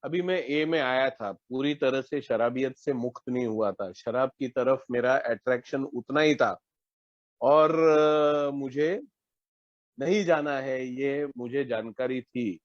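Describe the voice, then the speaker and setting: A man's voice: mid-range voice, takes it slowly, dry recording, muffled recording. Indian man sharing his recovery story. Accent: Mumbai Hindi. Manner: conversational, acts out both sides of phone talks. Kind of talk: personal testimony in an online meeting. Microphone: online call mic.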